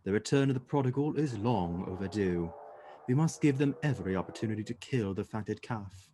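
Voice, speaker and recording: A man's voice: on the low side, expressive, a little fast, close to an everyday voice. A male actor in a radio drama playing Sherlock Holmes, a composed, astute detective who speaks formally and with assurance. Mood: composed, brisk.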